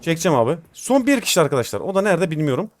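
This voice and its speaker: Young male gamer, high voice, casual slangy live commentary for viewers, slight background noise. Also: sing-song, racing, darkish tone. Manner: informal, slangy, addresses viewers as friends. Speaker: gaming video host.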